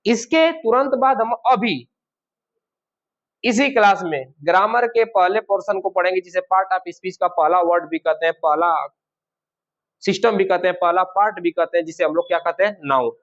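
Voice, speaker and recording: A man teaching an English grammar class, who keeps asking his students questions and then answers them himself. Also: high-pitched. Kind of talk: classroom lesson. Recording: dull lo-fi classroom recording.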